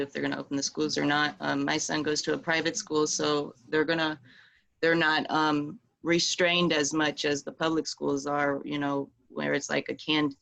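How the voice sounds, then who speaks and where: A woman's voice: sits low, creaky, fairly bright tone, highs cut off. A woman in her thirties chatting casually on a video call, rambling with many fillers. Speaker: meeting participant.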